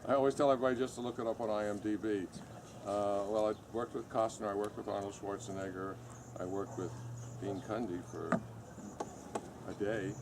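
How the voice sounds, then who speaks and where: A low-voiced man trades joking stories from his acting days on a convention panel. His self-deprecating asides come through over heavy, constant background noise. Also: fairly even intonation, brisk. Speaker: panel guest, actor.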